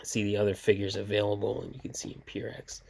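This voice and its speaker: A relaxed man talks through his toy figures in a rambling, casual way, his voice sitting a little low. He sounds sleepy and stops and restarts often. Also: fast talker, vocal fry, a little hiss or hum. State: sleepy, yawning. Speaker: toy collector reviewing action figures.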